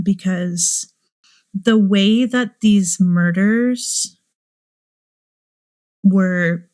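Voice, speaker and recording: Slow-talking woman musing on a case. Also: mid-range voice, darkish tone. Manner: musing, asks many rhetorical questions. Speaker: true crime host. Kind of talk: speculative true crime commentary.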